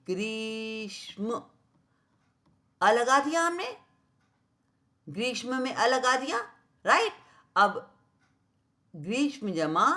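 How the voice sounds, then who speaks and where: A woman's voice: fairly high pitch, sharp tone. A woman teacher explaining grammar to children at the board, spelling out each word and often asking if they follow. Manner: keeps checking understanding with "clear?" and "right?"; repeats and spells out words slowly while writing. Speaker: school teacher. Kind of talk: blackboard grammar lesson for children.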